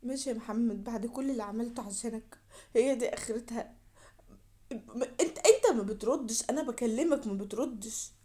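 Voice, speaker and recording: A woman voicing a suspicious young wife in an Egyptian accent, muttering in a hushed, sulky way. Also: a little high, flat delivery, rapid-fire, slightly rough. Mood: hurt sulky.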